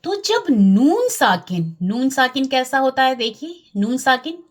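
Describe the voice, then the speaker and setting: A woman teaching Quran recitation rules, repeating key terms, checking in with her listeners and drawing out recited words slowly. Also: sits high, very animated. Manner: slows down and draws out recited Arabic words. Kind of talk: tajweed lesson.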